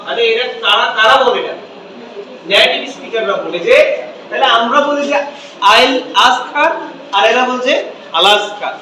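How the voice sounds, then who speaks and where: A man teaches a lesson in a high, bright voice, posing questions to his students and answering them himself. He is recorded from a distance in an echoey room with a faint hum behind him. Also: a little fast. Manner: switches between Bengali and English. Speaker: English teacher. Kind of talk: classroom lecture.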